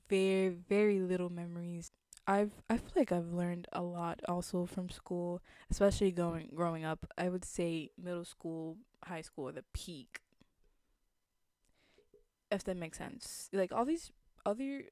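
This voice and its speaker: A woman's voice: fairly low pitch, dark tone, no room sound, studio quality. A young adult woman with a slight lisp, chatting casually to viewers as a vlogger in an earnest, reflective, conversational way.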